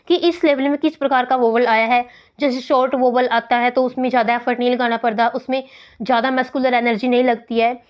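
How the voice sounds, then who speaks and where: An Indian woman covers English grammar for exams, moving between slowly read English text and quick explanations in Hindi. Her voice is high, and the audio is dull.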